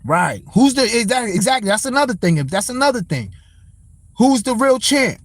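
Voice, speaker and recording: A man's voice: very high-pitched, very animated, moderate pace, no echo. A young man hosting a casual boxing talk livestream, speaking, blunt and profane as he answers his chat. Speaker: livestream host.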